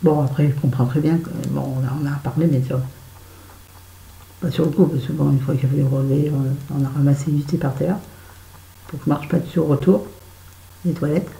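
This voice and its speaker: A woman's voice: low voice, fairly even intonation, fairly quick, creaky, pauses often, warm tone, reverberant, poor audio. A woman telling a story to her viewers in a casual vlog while doing her make-up, chatty and swearing freely. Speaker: vlogger. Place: bedroom at home.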